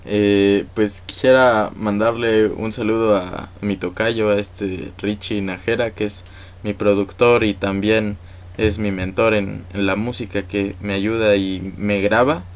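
A man with a Mexican Spanish accent speaks as a guest in a relaxed interview. His voice sits fairly low, and he rambles gently with plenty of filler words. He sounds easygoing and grateful. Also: unhurried. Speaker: musician guest. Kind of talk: casual interview chat.

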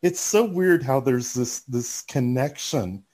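A man with a Southern Alabama accent chatting casually, often repeating words as they start in a halting way. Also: medium pitch, dark tone. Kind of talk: casual chat.

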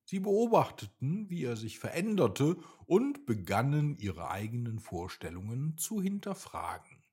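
A man narrating a children's bedtime story in a slow, gently expressive reading style. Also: mid-range voice, husky.

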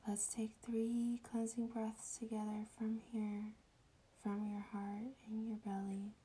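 A woman guides a meditation in a hushed, breathy near-whisper, the soothing sort heard in a spa. Her tone is very dark and relaxed, with little movement in pitch. She speaks slowly and leaves long, restful pauses between instructions. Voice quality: soft, breathy, often whispery voice.

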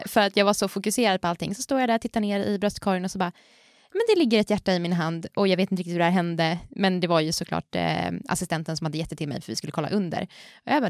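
A woman's voice: mid-range voice, no room sound, clean studio sound. A woman, a medical student co-hosting a podcast, telling a story in casual chat.

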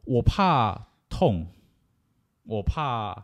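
A man's voice: medium pitch, big pitch swings, extremely slow. A man co-hosting a casual podcast chat, reasoning through his points in logical steps. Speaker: podcast co-host.

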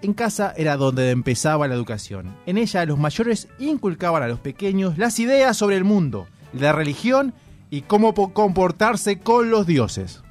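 A man giving scripted documentary narration in a measured, solemn manner. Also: sits high, sing-song, faint music behind.

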